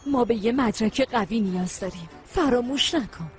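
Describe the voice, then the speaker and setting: A woman plays a meddling woman who spies on the neighbours and bosses her husband around. Her voice is high and impatient, with soft music beneath. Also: animated, close to an everyday voice. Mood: conspiring. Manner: bossy, hushed, impatient. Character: scheming nosy woman Hulya, spying and bossy. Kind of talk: Persian dub of a Turkish drama.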